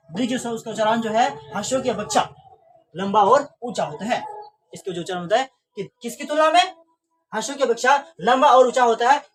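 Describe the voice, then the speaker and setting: A woman's voice: fairly high pitch, background noise. A woman teaching a grammar lesson to students, asking questions aloud and answering them herself.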